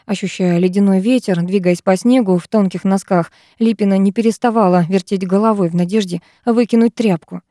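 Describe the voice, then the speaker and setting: A woman reading a dramatic story aloud as an audiobook narrator, in steady storytelling. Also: medium pitch, no echo, clean studio sound. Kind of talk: scripted narration.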